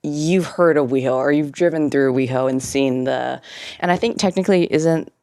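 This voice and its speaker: A woman from California co-hosting a podcast with a low, deep-set voice. She chats loosely and hedges her points, full of "like" and "I think". The recording is dry and close. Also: moderate pace, dark tone, smooth, no room sound. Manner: chatty, hedging, lots of "like" and "I think". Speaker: podcast co-host. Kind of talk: casual chat.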